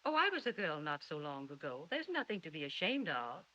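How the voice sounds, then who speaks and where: A woman's voice: deep voice, very animated, brisk, bright, forceful tone, full character voice. A soothing, protective mother. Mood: tender. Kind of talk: 1930s film acting. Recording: dull 1930s film soundtrack.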